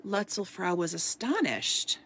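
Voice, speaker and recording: Husky, gravelly woman reading a story. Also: fairly low pitch, sing-song, a little slow, fairly bright tone.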